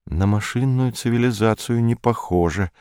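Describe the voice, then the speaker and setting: A man voicing a young woman crew member who speaks slowly and deliberately in an audiobook. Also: medium pitch, darkish tone, clear, resonant tone, no room sound, studio quality, close to an everyday voice. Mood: thoughtful.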